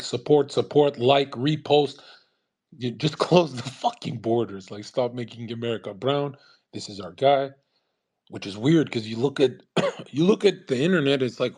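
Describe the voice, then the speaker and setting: A man with a husky, breathy voice of ordinary pitch hosts a podcast. He talks in a loose, rambling monologue, swearing often and tossing in "man" and "bro". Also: a little mellow. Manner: profane, rambling rant with frequent "man" and "bro". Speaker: podcast host.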